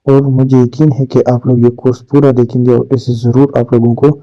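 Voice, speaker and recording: A male English teacher with an Urdu accent, a native Urdu speaker, giving a vocabulary lesson and slowly repeating each English word. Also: medium pitch, dark tone. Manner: slow, drawn-out repetition of English words. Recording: dull lo-fi recording.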